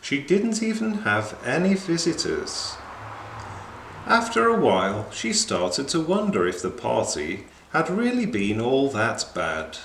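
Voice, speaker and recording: A man reading a children's picture book aloud in a slow, very expressive way. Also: mid-range voice, gravelly. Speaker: storyteller. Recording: echoey room with faint noise.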